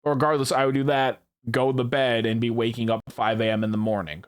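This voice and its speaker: Clear, resonant and steady, the mid-range voice of this early-twenties podcast host moves fast. He keeps the conversation with his friends casual, wandering off topic, repeating himself and cursing freely.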